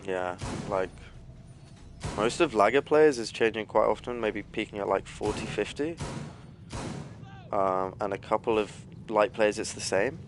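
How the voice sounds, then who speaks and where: A man's voice: lowish voice, a little slow, background noise. A man giving casual, analytical live commentary on a competitive shooter match. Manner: casual, analytical, filler-heavy. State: has the hiccups. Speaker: esports caster.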